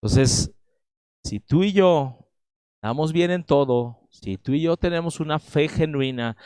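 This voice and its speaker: A man with a Mexican accent preaching with strong emphasis, often turning to his listeners with a quick question. His voice sits a little high for a man. The sound is dry and close. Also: darkish tone, clear, resonant tone, dry recording. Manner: emphatic preaching, addresses listeners directly with frequent "¿verdad?". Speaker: pastor. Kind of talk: sermon.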